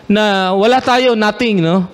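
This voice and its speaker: A man's voice: high voice, slow, big-room sound. A man preaching a sermon, mixing in English and often asking the congregation for responses.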